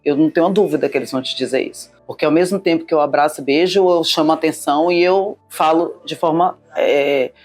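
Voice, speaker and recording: Low-voiced expansive woman from Salvador, Bahia. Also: fast talker, few pauses, soft background music. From Salvador, Bahia, Brazil. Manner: expansive, warm-hearted, emphatic. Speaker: business owner, guest. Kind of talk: conversational interview.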